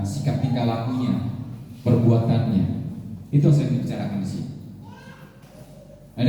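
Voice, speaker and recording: A man's voice: fairly high pitch, dark tone. A man, a pastor, preaching a sermon in a conversational way with many rhetorical questions. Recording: echoey hall, mic far off.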